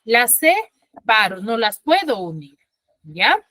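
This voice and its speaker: Over a video call, a woman teacher with a Peruvian Spanish accent patiently and methodically explains a lesson, checking often that students understand. Her high, bright voice is sing-song and slow. The computer mic gives a dry, close sound with no echo.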